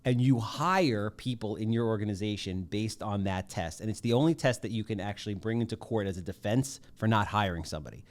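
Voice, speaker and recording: A man hosting a podcast, talking in an emphatic, jokey, animated way. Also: fairly low pitch, brisk, hardly any pauses. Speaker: podcast host. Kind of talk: casual podcast conversation.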